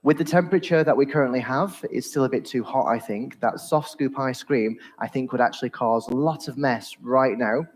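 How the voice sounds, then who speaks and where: A man hosting and judging a school pitch event, giving measured, courteous feedback, his voice ringing with a long echo in a big hall. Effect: long booming hall echo. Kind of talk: formal feedback and introductions. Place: large echoing hall. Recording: reverberant hall recording.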